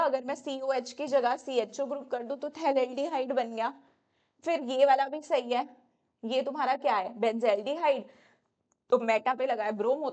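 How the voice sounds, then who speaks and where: Young woman, chemistry teacher, slightly high voice, chatty lecture style with quick self-corrections. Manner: chatty, addresses students as "beta", self-correcting. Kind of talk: exam-prep lecture at a whiteboard.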